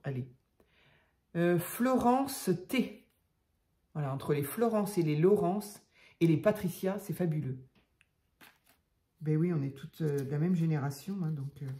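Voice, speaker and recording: An older woman casually showing craft tags to her viewers, talking softly and chattily with many hesitations. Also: low voice, normal speed, pauses often. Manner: chatty, soft-spoken, hesitant with fillers. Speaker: craft channel host.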